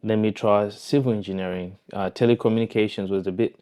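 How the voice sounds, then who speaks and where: A young Zimbabwean-accented vlogger and online entrepreneur tells his own story to camera in a casual, reflective, conversational way. His voice is on the low side, steady, fairly quick and mellow.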